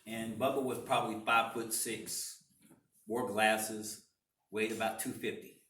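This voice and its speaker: A man's voice: fairly low pitch, flat delivery, a little slow, fairly bright tone, slight background noise. A man in his sixties telling stories in a rambling way, with many restarts and fillers, during a church interview. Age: 60s. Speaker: interviewee, parishioner. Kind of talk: casual interview storytelling. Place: church room. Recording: echoey room, far from mic.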